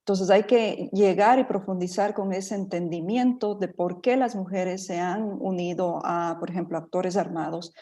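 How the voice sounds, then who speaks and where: A woman's voice: on the low side, fairly even intonation, moderate pace, hardly any pauses, warm tone. A middle-aged woman from Ecuador speaking as a panelist in an online talk, thoughtful, with many fillers and restarts.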